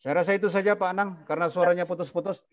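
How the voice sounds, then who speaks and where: Male school representative, formal and halting, on choppy video-call audio that breaks up. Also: high voice, fairly even intonation, dull audio. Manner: polite and halting, with restarts. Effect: choppy video-call audio that keeps breaking up. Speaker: school representative giving welcome remarks. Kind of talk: formal remarks in an online video meeting.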